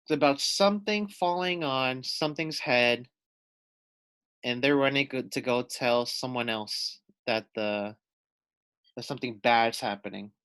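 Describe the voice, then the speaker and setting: Reading aloud from a storybook in a teacherly, expressive style, a man talks directly to young listeners and poses questions for them. His mid-range voice is unhurried, fairly bright, and clean.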